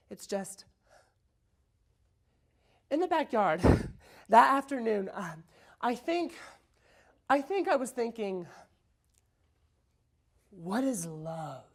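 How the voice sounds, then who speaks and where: A young man performing a dramatic prose interpretation as a college competitor, halting and repeating phrases, swinging from hushed lines to shouting. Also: high-pitched. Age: young adult.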